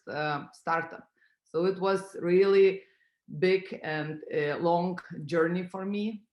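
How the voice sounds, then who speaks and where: A middle-aged woman from Lithuania, giving an unhurried online conference talk as a guest speaker, pausing often with fillers. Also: low-pitched. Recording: roomy echo.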